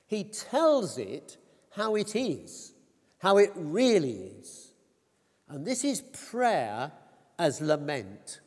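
Slow, high-voiced man preaching in a hall. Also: sing-song. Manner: measured, deliberate, rising on quoted cries. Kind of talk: sermon. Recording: long reverb of a church hall.

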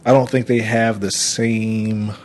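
A man co-hosting a casual podcast, making his points patiently between steady agreement. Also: lowish voice, takes it slowly. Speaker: podcast co-host.

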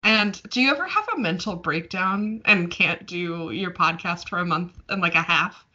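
Young woman, podcast co-host, casual chatter, bright voice, a little husky, muffled call audio. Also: lowish voice, lively intonation, normal speed. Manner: chatty, laughs often, many fillers. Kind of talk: casual chat. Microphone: recorded over video call.

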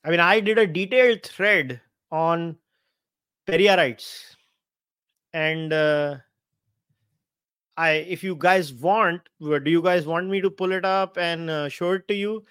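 Indian accent guy doing live commentary, kinda high voice, sarcastic n opinionated, really dry sound. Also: slow, pauses often, a bit bright, clear, resonant tone, no echo. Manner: opinionated, sardonic, emphatic. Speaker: host of a commentary live stream. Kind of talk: casual live commentary, reading out quotes and answering viewers.

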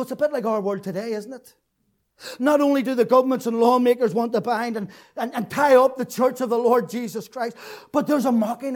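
A man delivers a fervent sermon, repeating his phrases over and over. He rises to shouted peaks and then drops to hushed, tearful lows.

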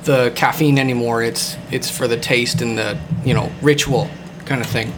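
A man's voice: mid-range voice, steady tone, normal speed, background noise. A man hosting a casual podcast chat, rambling with many fillers and the odd swear word. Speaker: podcast host.

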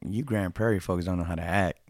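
A man's voice: low voice, brisk, no room sound, clean studio sound. A man co-hosting a casual podcast, teasing and joking with his co-hosts. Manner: teasing, jokey banter. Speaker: podcast co-host.

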